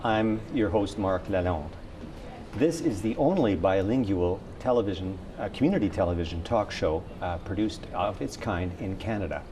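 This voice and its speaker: Guy hosting a tv talk show, lowish voice, easygoing questions, bit of studio hum. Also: normal speed. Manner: relaxed, friendly questioning with fillers. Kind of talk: casual studio interview.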